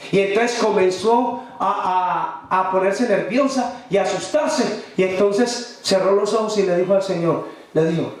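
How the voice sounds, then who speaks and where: High-voiced preacher in an echoey hall. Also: male voice, unhurried. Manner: asks the congregation rhetorical questions; acts out the people in his story. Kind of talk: storytelling sermon. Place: large church hall. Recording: very echoey hall from far off, faint music.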